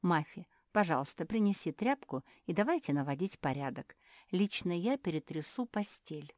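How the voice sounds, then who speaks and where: A woman's voice: fairly low pitch, moderate pace, no room sound, studio quality, natural voice. Woman voicing the practical older pug sister. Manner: calm, bossy.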